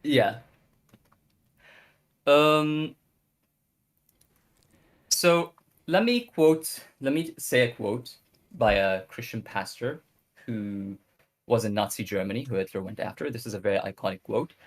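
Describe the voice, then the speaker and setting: A man's voice: mid-range voice, takes it slowly, pauses often. A young man from Egypt, calling in to a talk show and earnestly explaining his views, speeding up in bursts. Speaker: caller. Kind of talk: casual call-in discussion.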